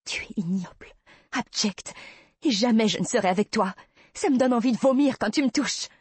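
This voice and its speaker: A man's voice: a little high, expressive, moderate pace, darkish tone, breathy edge, dry recording. A man voicing a disgusted young woman. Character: frightened, disgusted young woman confronting her captor. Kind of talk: audiobook reading.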